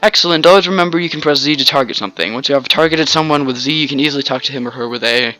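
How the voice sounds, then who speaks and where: A man's voice: mid-range voice, very fast, bright, forceful tone, soft background music, voice pushed up, lightly acted. A man reading the lines of a chatty male tutorial guide in a video game, explaining controls cheerfully.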